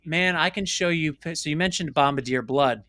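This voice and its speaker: An American man with a slightly high voice speaks at a moderate pace in a sharp tone. He's a documentary filmmaker appearing as an interview guest, earnestly and emphatically telling reflective personal stories in conversation and repeating words for stress.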